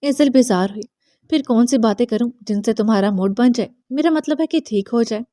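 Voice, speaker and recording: Mellow-voiced woman reading a novel aloud. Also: on the high side, no echo, studio quality. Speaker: audiobook narrator. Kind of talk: novel narration with character dialogue.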